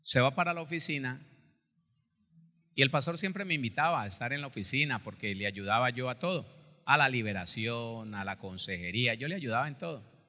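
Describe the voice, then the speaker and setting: A male pastor preaching a storytelling sermon, animated, acting out quotes and calling his listeners brother. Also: mid-range voice, brisk, long reverb tail.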